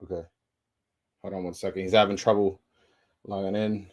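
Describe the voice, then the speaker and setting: A man's voice: sits low, level tone, normal speed, a little mellow. A man hosting a casual boxing interview livestream, talking loosely with frequent repeats and restarts.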